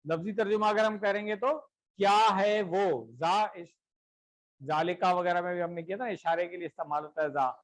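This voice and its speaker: A man's voice: sits high, poor audio. A man teaching a class, patiently drilling verb forms and often checking that students have understood. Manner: slow, deliberate repetition of word lists.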